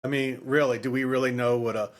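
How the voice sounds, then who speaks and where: A man with a mid-range voice and fairly even intonation talks fast as a podcast co-host in a casual book discussion. His speech rambles, frequently repeating and restarting phrases.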